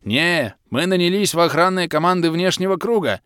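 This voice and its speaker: A man voicing a loud, brash male half-orc mercenary who shouts over the wind in an audiobook. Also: high-pitched, expressive, moderate pace, clear, resonant tone, no echo, studio quality. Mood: hollering. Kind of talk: audiobook character reading.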